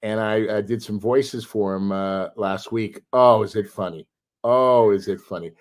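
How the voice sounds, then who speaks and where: A man appearing as a guest on a podcast from home, chatting casually and telling stories in an animated, excitable way. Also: fairly low pitch, measured pace. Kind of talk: casual chat.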